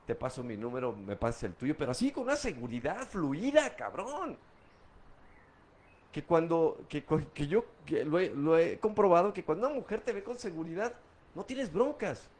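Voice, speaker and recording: A middle-aged man from Guadalajara with a Mexican Spanish accent, giving a candid, profane account of his past drinking in street slang. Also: mid-range voice. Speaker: guest recounting his addiction. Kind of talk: candid personal testimony.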